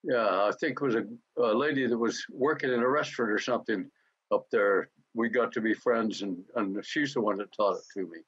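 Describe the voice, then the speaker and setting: A man in his nineties, a war veteran, recounting his memories in an interview, halting and often repeating words. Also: mid-range voice, a bit bright, breathy edge, dry recording. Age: 90s. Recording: dull lo-fi recording.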